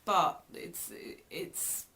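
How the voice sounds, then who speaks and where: A woman's voice: drawn-out words, pushed and bright. A British woman talking casually in a personal video diary, reflective and hesitant, often trailing off mid-thought. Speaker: vlogger.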